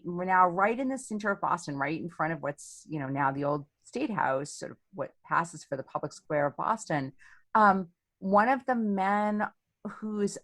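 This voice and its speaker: A woman historian answering interview questions, retelling events in a lively way with frequent "um" and "right?" tags. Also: lowish voice, dry recording. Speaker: historian and author.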